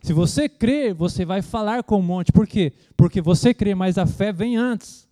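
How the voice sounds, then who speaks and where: Over and over, a high-voiced pastor asks his listeners rhetorical questions during his sermon and waits for them to say amen. Sometimes he launches into a mocking impression of loud, shouted prayers, then settles back into ordinary teaching.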